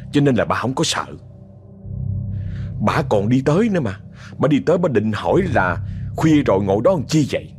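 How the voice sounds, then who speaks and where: Lively Southern Vietnamese man telling ghost tales. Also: medium pitch. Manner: chatty, dramatic, addresses the audience often. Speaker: ghost story narrator. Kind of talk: storytelling to listeners.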